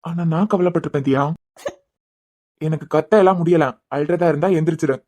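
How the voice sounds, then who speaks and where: A woman's voice: low voice, steady tone, mellow. A woman voicing an injured young husband in a cartoon, talking bluntly and teasingly in a Kanyakumari Tamil accent. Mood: angry. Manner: blunt, teasing, quick talk. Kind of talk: cartoon voice acting.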